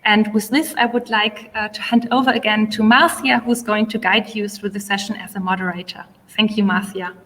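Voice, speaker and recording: A woman's voice: medium pitch, fairly even intonation, moderate pace, few pauses, fairly bright tone. Woman, conference presenter, formal handover, distant from the mic, long reverb. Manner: formal, handing over to the moderator.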